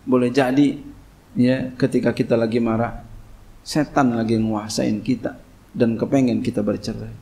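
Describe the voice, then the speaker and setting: A man's voice: medium pitch, level tone, warm tone. Man teaching Quranic commentary. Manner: reads Arabic text slowly, then explains in casual Indonesian with frequent "ya". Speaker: Islamic cleric teaching tafsir. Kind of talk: kitab study sermon.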